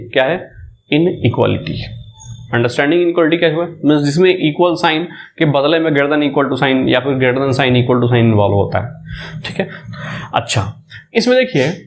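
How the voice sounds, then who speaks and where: A man with a Bihari Hindi accent teaching a maths lecture, often asking the class questions and repeating key terms, with English words mixed into his Hindi. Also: fairly high pitch. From India.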